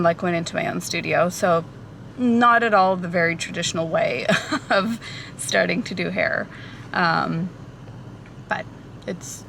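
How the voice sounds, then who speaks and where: This hairstylist from Portugal, in her thirties, answers questions in a casual vlog with a lowish, creaky, somewhat bright voice. She talks loosely and chattily, full of ums and likes, laughing lightly now and then. A camera mic picks her up out at a café or in a car, with slight background noise.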